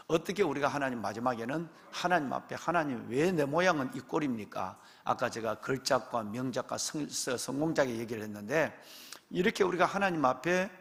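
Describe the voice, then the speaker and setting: Gravelly preaching man in a reverberant church. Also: medium pitch, fairly bright tone. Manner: emphatic preaching with many rhetorical questions; often addresses the congregation directly. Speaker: pastor. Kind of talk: sermon. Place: church sanctuary.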